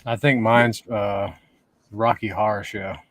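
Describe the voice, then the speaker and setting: A man co-hosting a podcast in casual chat, relaxed and laid-back. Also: fairly low pitch, a little slow, no echo. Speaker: podcast co-host.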